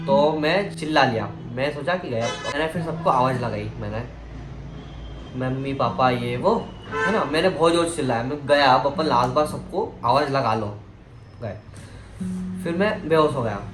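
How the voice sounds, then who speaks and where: A young man telling a personal story in a casual vlog, rambling with restarts and fillers. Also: a little high. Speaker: vlogger. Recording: echoey room with music behind.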